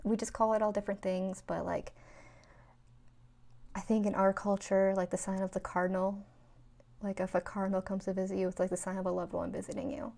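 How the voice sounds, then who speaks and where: A woman from New York shares stories in a loose, chatty vlog style, leaning on "like" and "um" as she goes. Her voice is mellow and dark, with plenty of gravelly fry. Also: medium pitch, flat delivery, brisk. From New York, USA. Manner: chatty, rambling, with many 'like' and 'um' fillers. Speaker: spiritual vlogger. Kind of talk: casual storytelling.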